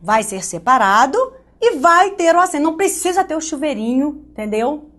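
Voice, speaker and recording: A woman from Brazil teaching an online grammar lesson, lively and joking, speaking straight to the student. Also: high voice, normal speed.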